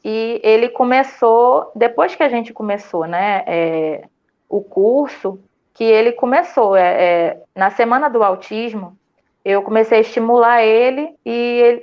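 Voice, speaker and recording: A woman with a Brazilian Portuguese accent telling her story in a casual interview, animated and full of fillers and restarts. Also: a little high, highs cut off. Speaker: student telling her experience.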